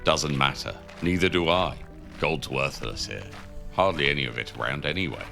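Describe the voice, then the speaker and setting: A man playing a seasoned, cynical prison inmate in an audio drama, gravelly and matter-of-fact as he advises a newcomer. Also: a bass voice, animated, normal speed, full character voice. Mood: matter-of-fact, wry. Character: gruff, seasoned male convict guiding a newcomer, worldly and cynical. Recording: music under the voice.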